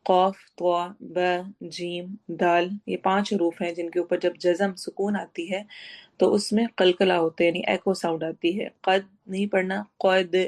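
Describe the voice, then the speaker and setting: A woman teaching a Quran tajweed lesson, reciting slowly and then explaining each sound step by step. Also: lowish voice. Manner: slow drawn-out recitation, then steady explaining.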